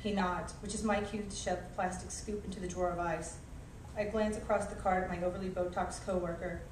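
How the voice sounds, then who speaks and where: Speaking a little fast at a fairly low pitch, a woman reads her comic personal essay with dry self-mockery, her intonation fairly even. She's an author and flight attendant. The recording has room echo, a distant mic, and faint noise.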